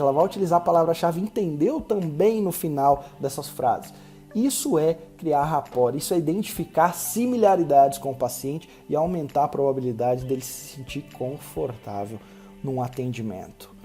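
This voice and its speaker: Man from brazil, solo podcast host, rapid instructive delivery, dark mellow tone, faint music underneath. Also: high voice. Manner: fast-talking, instructive, addresses listener directly.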